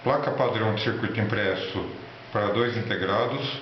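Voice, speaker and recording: A Brazilian man with a lowish voice presents in an informal, instructional style, sometimes halting as he goes. The recording is quite echoey, with a faint layer of noise behind him. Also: dull audio. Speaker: electronics hobby presenter. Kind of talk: informal tutorial narration and product showcase.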